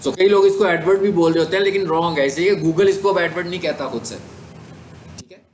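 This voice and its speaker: A digital marketing instructor with a Pakistani accent lectures a class, going step by step and asking questions he then answers himself. His voice sits fairly high for a man, with a steady tone and fast delivery. The room echoes over a faint hiss.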